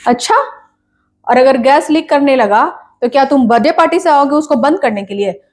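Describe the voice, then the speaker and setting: A woman playing a complaining, scolding mother in a comedy sketch, nagging in quick bursts. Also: high voice, lightly acted.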